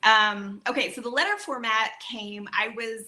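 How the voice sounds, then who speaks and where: Texas-raised woman rambling about her book, crisp bright voice, lots of ums. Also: on the high side, unhurried. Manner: chatty, rambling, full of ums and likes. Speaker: author. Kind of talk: casual online book talk.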